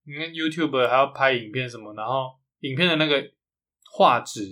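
A man's voice: mid-range voice, normal speed, bright, forceful tone. A man with a light Taiwanese Mandarin accent, chatting casually as a podcast co-host. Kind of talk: casual chat.

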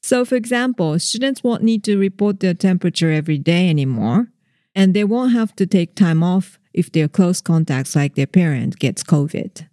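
A reporter guest on a news podcast, explaining the facts in a measured way with small hesitations. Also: mid-range voice, expressive, mellow, no room sound, studio quality.

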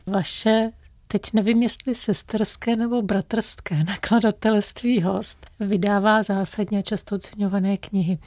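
Formal woman interviewer, mellow tone. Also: mid-range voice, fairly even intonation, dry recording. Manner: polite, formal questioning. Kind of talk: radio interview.

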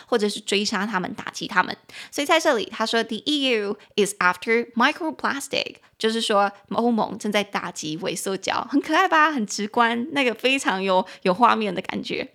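A woman hosting a podcast, giving a casual English lesson in a chatty, animated way and spelling words out letter by letter. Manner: animated pitch jumps, laughs easily. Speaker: podcast host teaching English.

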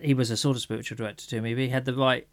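A podcast co-host with a mid-range voice and level tone talks at a racing pace in a recording with no room sound. In this informal, reflective discussion he feels his way through sentences, hesitating, searching for words and repeatedly restarting with the same openings.

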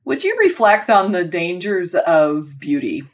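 A woman co-host with a fairly low voice sets up her questions at length in a relaxed, conversational way. She builds context before asking. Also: a little slow. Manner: chatty, asking long framed questions. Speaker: podcast co-host. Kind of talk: interview questions.

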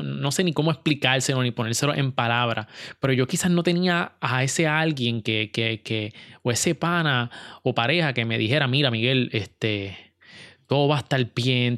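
A man's voice: mid-range voice, a bit bright, no echo, studio quality. A man talking casually and earnestly to his viewers, with hesitations and restarts. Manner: earnest, with frequent fillers and restarts. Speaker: video creator. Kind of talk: casual personal talk to viewers.

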